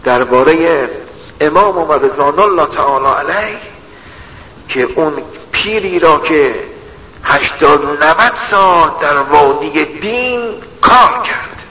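A man's voice: fairly high pitch, animated, bright, forceful tone, a little hiss or hum. Man preaching a sermon in a ringing hall. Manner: measured, repeating a refrain for emphasis. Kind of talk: religious sermon. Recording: echoey hall, dull lo-fi sound.

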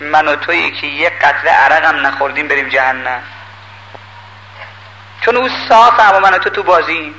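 An older man preaches with a bright, ringing voice that has a gravelly edge. He is emphatic, pleading with his listeners one moment and scolding them the next. A faint hum runs beneath the radio-like recording. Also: fairly high pitch, rough recording. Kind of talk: sermon.

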